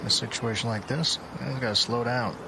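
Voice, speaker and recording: A man's voice: medium pitch, steady tone, a little fast. A man giving live analysis as a golf commentator. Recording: clear outdoor ambient noise.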